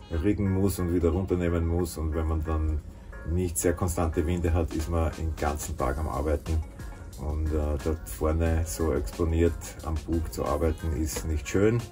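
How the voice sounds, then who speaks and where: A man speaks casually to a camera held close in a small boat cabin. He is relaxed and chatty, dropping easy fillers as he goes. Faint music plays underneath. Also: a bass voice. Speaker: solo sailor vlogging his voyage. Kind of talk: casual spoken vlog. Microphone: camera at arm's length.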